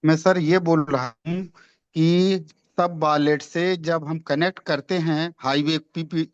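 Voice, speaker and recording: A man on an online group call, his voice choppy and breaking up over a dull, dry line. He talks slowly and haltingly, a little higher than most men. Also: fairly even intonation, smooth, no echo. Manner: halting, slow, repeats hello. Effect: choppy, breaking-up call audio. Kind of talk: asking a question on a call.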